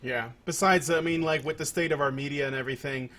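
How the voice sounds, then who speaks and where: Talking fast on his casual podcast, this host from Puerto Rico rambles along, full of fillers and restarts. His voice is a little high, bright, and forceful, with fairly even intonation.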